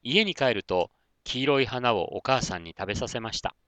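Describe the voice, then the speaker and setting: A man narrating a children's story in a gentle, expressive manner. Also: mid-range voice, moderate pace, no room sound.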